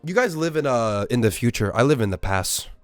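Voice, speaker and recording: A man's voice: mid-range voice, animated, fairly quick, no echo, soft background music. A young man, ranting in a casual, profane way at his live-stream chat. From Australia. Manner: incredulous, profane, exaggerated ranting.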